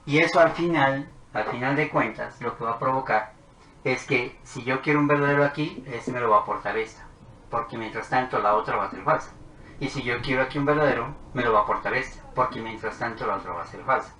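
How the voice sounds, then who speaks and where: A math teacher with a medium-pitched, sharp voice moves fairly quickly through a logic lesson, methodically explaining truth tables while writing them out. The room is echoey, with faint background noise.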